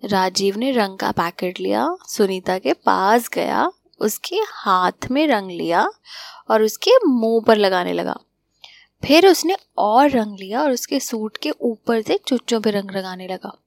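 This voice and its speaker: A woman narrating an adult story in a soft voice that often slips into a half-whisper. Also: medium pitch, lively intonation, measured pace, creaky, no echo.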